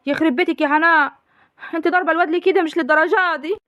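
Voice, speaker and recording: A woman's voice: extremely high pitch, steady tone, racing, no echo, dull audio. A woman playing a wailing rural mother. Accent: rural Egyptian. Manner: wailing, lamenting, melodramatic. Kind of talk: comic village sketch.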